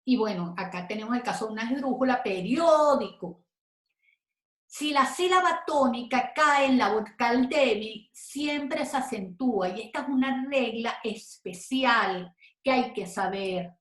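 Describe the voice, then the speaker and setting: A woman teaching a spoken grammar lesson, going slowly and carefully and stretching example words out syllable by syllable. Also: on the high side, animated, fairly bright tone. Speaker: Spanish teacher. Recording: echoey room.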